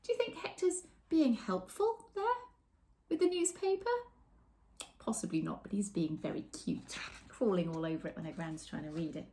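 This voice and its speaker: A middle-aged woman with a lowish voice reads a picture book aloud to children indoors, in a small room with bookshelves. Her storytime is animated and expressive, with dramatic pauses, drops into whispers and chatty asides to young viewers.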